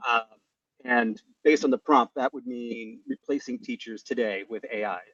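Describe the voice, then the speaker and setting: A man speaking over a dull, lo-fi online call line, his voice thin and tinny with no bass, as if from inside a tin can. He rambles through long questions padded with ums and uhs. The sound is dry, with no room around it. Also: very animated, moderate pace, gravelly, a bit bright, dry recording. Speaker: panel questioner. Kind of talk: casual online panel debate. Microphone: headset over a weak internet link.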